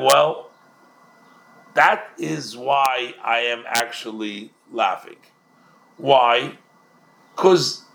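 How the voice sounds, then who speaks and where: Slow gravelly man teaching a Talmud story. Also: mid-range voice, a bit bright. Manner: retells a story, then explains it, with many restarts. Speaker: Torah teacher.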